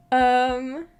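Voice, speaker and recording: With a high, slightly bright, smooth voice, a woman livestreamer chats casually with her viewers, hesitant, rambling and giggly. She streams and hosts a visual novel book club, reacting to viewer comments over background music.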